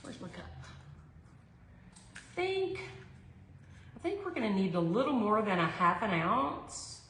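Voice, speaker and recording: A woman's voice: medium pitch, big pitch swings, unhurried, a bit bright. Woman chatting in an echoey room. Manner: rambling, thinking aloud. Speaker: host of a live art tutorial. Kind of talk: casual live craft tutorial, chatting with viewers. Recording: echoey room with background noise.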